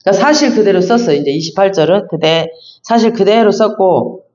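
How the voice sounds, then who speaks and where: A man with a high-pitched voice preaches an expository sermon. He reads each verse, then explains it in a casual, emphatic way. The sound is dull and echoes around a church hall. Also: a little fast, a little mellow, a little hiss or hum. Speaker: pastor. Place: church sanctuary.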